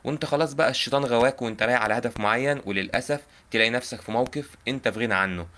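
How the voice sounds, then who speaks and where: A man's voice: mid-range voice, racing, sharp tone. A young man with an Egyptian accent giving earnest, informal advice on a live call. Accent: Egyptian Arabic. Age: young adult. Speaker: prank caller giving advice.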